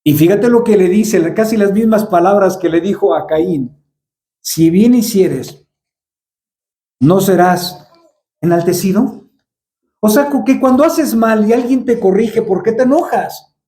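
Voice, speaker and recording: Preacher, male, mellow high voice, echoey church, rhetorical questioning. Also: normal speed. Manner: rhetorical questions, acts out quoted dialogue. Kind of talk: sermon. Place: church hall.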